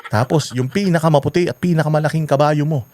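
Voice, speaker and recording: A man's voice: a little high, fast, a little mellow, dry recording, pitched above the performer's own voice, natural voice. A man doing a scheming, boastful royal adviser. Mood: gloating.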